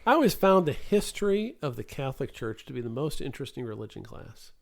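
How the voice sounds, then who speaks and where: A man's voice: mid-range voice, sing-song, fast, gravelly, a crowd in the background. A man co-hosting a podcast in casual chat, joking and talking through his ideas with many restarts. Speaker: podcast co-host. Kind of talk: casual philosophy discussion.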